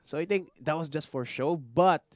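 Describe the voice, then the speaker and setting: A young man, co-hosting a casual wrestling chat show with lively banter. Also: a little high, no room sound, studio quality. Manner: animated, quick back-and-forth banter with bursts of laughter. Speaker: podcast co-host.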